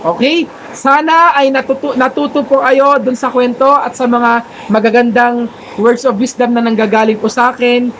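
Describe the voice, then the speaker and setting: A man telling a faith story as a motivational vlogger, earnest and polite, with a gently preachy tone. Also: very high-pitched, level tone, normal speed, a little hiss or hum, rough recording.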